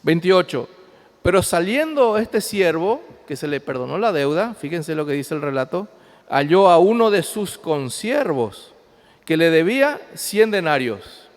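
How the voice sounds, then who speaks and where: A pastor preaching a sermon, reading scripture aloud and explaining it, swinging between loud emphasis and quiet asides. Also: male voice, fairly high pitch, very animated, a little slow. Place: church. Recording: long hall reverb.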